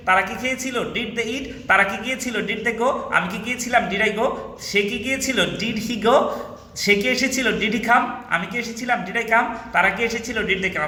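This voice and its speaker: A man teaching a spoken English lesson, drilling paired questions slowly and repeating each one. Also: high-pitched, pushed and bright. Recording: echoey room with long reverb.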